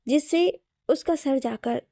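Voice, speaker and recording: Gravelly woman narrating a dramatic story. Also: sits high, takes it slowly, dark tone, no room sound, clean studio sound.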